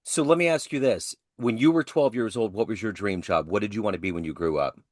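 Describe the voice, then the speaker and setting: A man hosting an interview, asking upbeat and measured questions. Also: on the low side. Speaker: podcast host.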